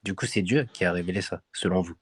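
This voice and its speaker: A man with a low, husky voice debates religion in a heated online voice room. He presses his points insistently and repeats his demands again and again. His sound is dry and close, with no room echo. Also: quick pace. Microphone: own microphone in an online voice room.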